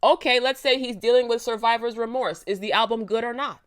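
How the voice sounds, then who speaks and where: A woman's voice: on the high side, steady tone, a little fast, clean tone. Blunt, profane woman ranting. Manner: blunt, profane, emphatic rant. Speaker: reaction video host. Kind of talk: casual reaction commentary.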